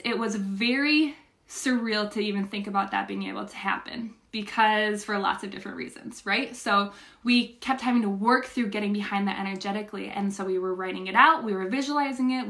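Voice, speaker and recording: A young woman teaching a recorded manifesting lesson, telling a personal story with lively exclamations. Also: on the high side. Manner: animated storytelling, exclaims when reliving moments.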